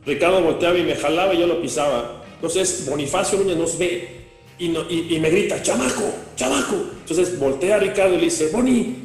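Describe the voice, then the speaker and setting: Mexican man, high voice, animated anecdote; echoey replayed clip with faint music. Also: a little fast. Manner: animated, jokey storyteller. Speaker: former footballer, archived guest. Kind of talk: lively anecdote telling. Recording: clip replayed, roomy echo.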